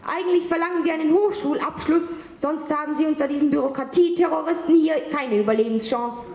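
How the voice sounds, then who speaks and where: Woman voicing a male office boss, blunt, matter-of-fact, high voice, echoey hall. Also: brisk, a little mellow. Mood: apologetic.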